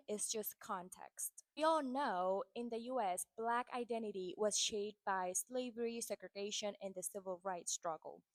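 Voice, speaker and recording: A woman from the Republic, calmly explaining her point of view in a social media monologue. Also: mid-range voice, no room sound. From Dominican Republic. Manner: earnest, measured, explaining. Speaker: content creator.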